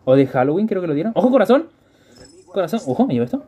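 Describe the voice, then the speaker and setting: A male game streamer, his pitch swinging up and down as he talks. His voice is husky and mellow. He chats with his viewers and repeats phrases in quick bursts. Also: big pitch swings. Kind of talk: live gameplay stream, chatting with viewers.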